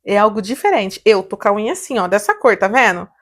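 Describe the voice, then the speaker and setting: A young Brazilian woman, a salon owner, telling animated stories on a casual podcast, laughing often and acting out what people said. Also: mid-range voice, quick pace. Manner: animated storytelling, laughs often, acts out quotes.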